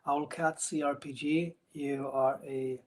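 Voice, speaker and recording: A man chatting casually and unscripted as a vlogger about his hobbies, speaking in a hesitant, halting way with broken phrases. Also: fairly high pitch, steady tone. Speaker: book and gaming vlogger. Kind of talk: casual unscripted video chat about reading and games.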